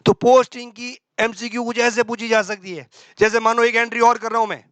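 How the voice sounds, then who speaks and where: Guy teaching accounting exam prep, high bright voice, slight flavour, quick and brisk, keeps voicing the students' questions. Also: little pitch movement, clear, resonant tone.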